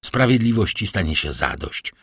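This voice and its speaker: Shaken middle-aged prosecutor in an audiobook, tense and hushed, voiced by a man, low husky tone. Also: big pitch swings, normal speed, no echo, studio quality, heavily acted.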